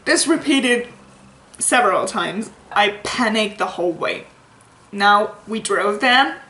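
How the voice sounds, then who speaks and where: A woman's voice: mid-range voice, slow. A woman vlogger telling a personal story in a casual, candid way, with a self-mocking streak and acted-out bits of dialogue. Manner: animated retelling, acting out quoted dialogue. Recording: roomy echo.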